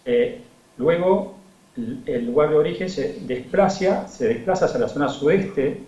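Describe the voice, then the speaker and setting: A man with an Argentine accent giving a technical presentation over a video call, measured and full of hesitant fillers. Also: a little high, expressive, warm tone, slight background noise. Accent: Argentine Spanish. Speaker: agronomy researcher. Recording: muffled video call in a roomy space.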